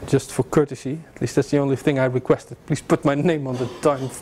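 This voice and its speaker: A steady, mid-range, slightly mellow male voice at normal speed belongs to a young man giving a relaxed security lecture with slides to his class. He cracks jokes and uses many fillers and restarts. A distant camera in the projector-equipped classroom records him, with a faint hiss or hum.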